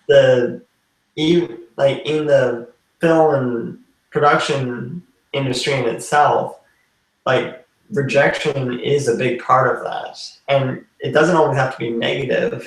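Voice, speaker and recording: Male host, unhurried, short encouraging replies, roomy distant recording. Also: medium pitch. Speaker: podcast host. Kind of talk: casual interview chat. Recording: echoey and distant from the mic.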